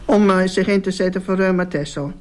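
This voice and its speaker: A woman's voice: medium pitch, fairly quick, a little mellow. A woman hosting a casual radio interview, chatty and hesitant, often echoing the other speaker's words. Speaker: radio host.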